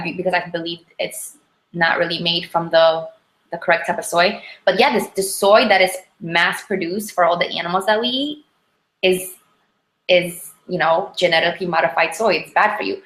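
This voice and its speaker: A woman with a Polish accent chatting casually and informally, in an animated, rambling way, as an interview guest. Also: fairly low pitch. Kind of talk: casual chat about diet. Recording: echoey, roomy sound.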